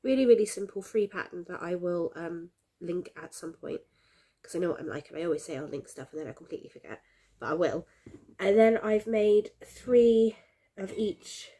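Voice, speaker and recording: A crafting vlogger with a head cold chats cheerfully and ramblingly to her viewers, sounding a little congested and coughy. Her voice is fairly low and mellow, at normal speed, in a casual talk to camera.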